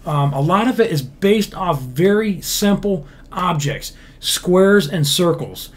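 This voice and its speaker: Slow-paced but lively in intonation, this high-voiced man runs a casual livestream where he builds games. He reads viewer comments and answers with blunt, profane remarks, rambling through fillers and restarting sentences.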